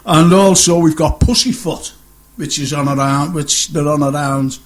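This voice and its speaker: A man's voice: a little high, moderate pace. A middle-aged man hosting a casual radio chat show, rambling and joking and laughing often.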